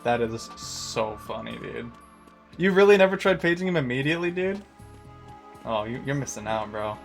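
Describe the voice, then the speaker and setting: A man's voice: medium pitch, expressive, normal speed, gravelly, soft background music. A man live-streaming a video game, chatting casually with lots of swearing and bro slang. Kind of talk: casual live-stream chat while gaming.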